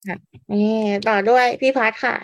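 A woman's voice: fairly high pitch, steady tone, moderate pace, no room sound. A woman moderating a casual live question-and-answer show on a video call, upbeat and friendly as she reads out questions. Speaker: senior UX designer moderating the show.

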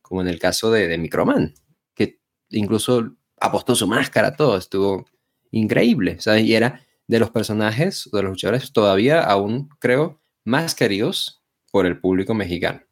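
Man, lowish voice, casual wrestling co-host, informal halting delivery, chatty asides. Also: expressive.

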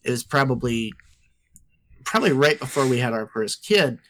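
A man's voice: medium pitch, expressive, normal speed, a bit bright, a little hiss or hum. A man in his thirties in a casual podcast chat, rambling, swearing and restarting his sentences. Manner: rambling, profane, self-interrupting. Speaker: podcast co-host.

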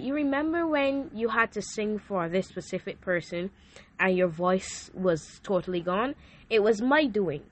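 A young woman hosts a faith talk podcast and shares a personal testimony. She speaks earnestly in a mid-range voice that's a little hoarse from a sore throat, frequently repeating herself and restarting sentences.

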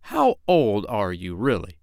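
A man's voice: lowish voice, wildly swooping pitch, measured pace, creaky, a little mellow, no echo, clean studio sound, full character voice. A man voicing a kindly, inquisitive country doctor for animals in a children's storybook, mild and polite.

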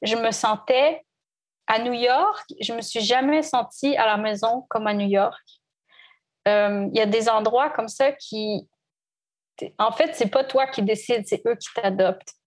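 Her voice a bit high and a touch slow, a woman violinist from Canada in her thirties appears as an interview guest. She talks reflectively in conversation, hesitating and starting over many times.

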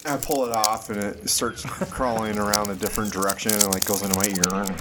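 A man chatting casually as a player in a tabletop game, halting as he talks. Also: fairly low pitch, fairly even intonation, very noisy. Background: music.

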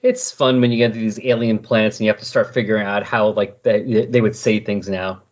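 Talking a little fast with fairly even intonation, a man with a lowish voice recaps comics for his podcast. It's casual and rambling, with animated paraphrases of characters' lines slipped in as asides. The audio is dull and lo-fi.

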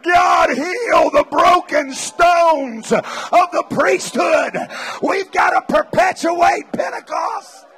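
A man preaches at a revival in a very high, bright, piercing voice, shouting his exhortations over and over. His delivery is slow and drawn out even at full volume. A crowd and faint noise sit behind him in the large church meeting. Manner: repetitive exhortations, speaking in tongues.

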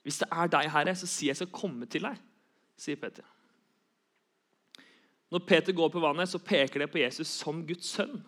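A man's voice: on the high side, pauses often, a bit bright. A young man giving an earnest sermon, repeating key phrases for emphasis. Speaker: preacher.

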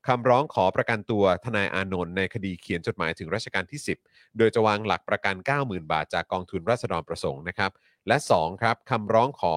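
A man's voice: fairly low pitch, a bit bright, no echo, studio quality. A man hosting a news talk show, reading updates politely and adding many courtesy particles.

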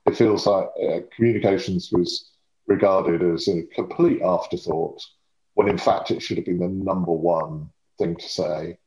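A man in his fifties speaks in a low voice with a home counties English accent. He talks conversationally as an interview guest, articulate but often hedging and correcting himself, and the room around him sounds echoey. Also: fairly even intonation, moderate pace, darkish tone. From Surrey, England. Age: 50s. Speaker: interview guest, lobbying and communications professional.

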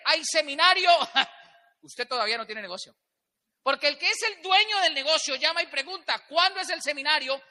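A man's voice: extremely high pitch, bright, forceful tone. A man giving an emphatic motivational talk on stage, firing rhetorical questions at the audience. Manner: emphatic, rhetorical questions, acts out little dialogues. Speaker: motivational business speaker. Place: large event hall with a live audience. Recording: long hall reverb.

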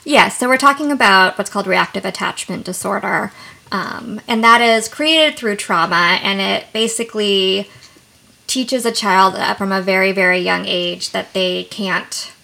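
Gravelly, husky woman explaining calmly. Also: mid-range voice. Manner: calm, measured explanations. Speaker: therapist and podcast co-host. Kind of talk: explanatory podcast talk.

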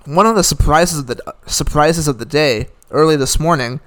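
A man's voice: on the high side, moderate pace, fairly bright tone. A man giving a casual, opinionated recap of the day's tennis results, rattling off scores with dry asides. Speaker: tennis commentator.

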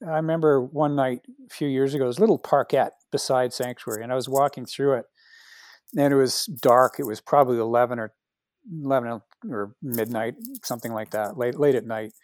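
A Canadian man speaking as a podcast guest, thoughtful and soft-spoken, telling stories with many restarts. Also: medium pitch, fairly even intonation, brisk, no room sound, clean studio sound. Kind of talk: reflective conversation.

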